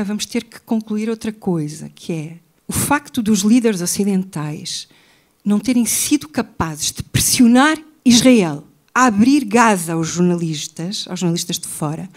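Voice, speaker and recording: A woman's voice: mid-range voice, darkish tone. A woman with a European Portuguese accent, a writer and journalist speaking as an interview guest, talking intensely and repeating key phrases for emphasis. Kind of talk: impassioned interview talk.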